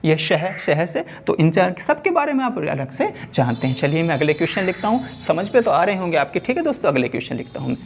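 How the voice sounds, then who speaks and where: Guy teaching a practice set, voice jumps up and down a lot, lots of quizzing, faint hiss behind. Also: high voice. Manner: lively, questioning, repeats questions to viewers. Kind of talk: exam-prep lesson.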